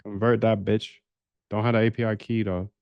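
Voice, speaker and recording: On a live coding stream, a man builds a trading bot while bantering loosely with chat, joking and swearing as he goes. His voice sits on the low side, with a flat, fairly quick delivery. The tone is clean, with no room sound and the highs cut off.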